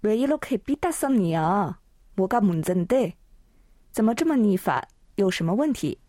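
A woman co-hosts a language lesson, translating and explaining each line calmly. She speaks very slowly and evenly, in a dry, close recording with no room sound. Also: mid-range voice, dry recording. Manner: calm, measured, explanatory. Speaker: co-host and Chinese translator.

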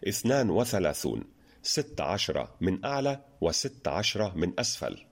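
A witty old sheikh with a deep, husky voice, read by a man telling a joke. He answers dryly and evenly, and his pitch moves freely. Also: big pitch swings, normal speed, full character voice. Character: witty calm old sheikh, sharp with words.

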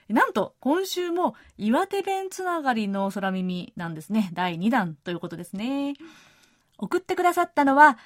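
A woman's voice: fairly high pitch, no room sound. Chatty woman radio host, dry studio sound. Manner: friendly, chatty, uses many fillers. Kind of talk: casual radio chat, reading listener letters.

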